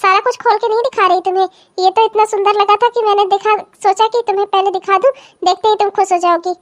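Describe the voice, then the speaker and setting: A scheming old cartoon mother-in-law who rules her household with threats and coos over her own daughters. The voice is shrill and very high, with a bossy, scolding bite. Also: fairly even intonation, fast talker. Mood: doting. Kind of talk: cartoon comedy voice acting.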